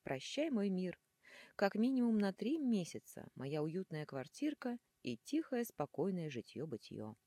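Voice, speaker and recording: A woman reading a first-person fantasy audiobook with a husky voice, narrating dramatically and expressively. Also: mid-range voice, measured pace, no room sound, clean studio sound. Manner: animated, dramatic, shifting into hissing whispers.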